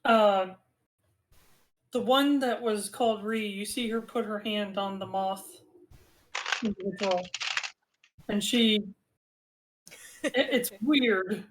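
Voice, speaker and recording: A woman narrating a tabletop game as game master, describing scenes in a measured way with frequent fillers. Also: mid-range voice, a little hiss or hum, rough recording.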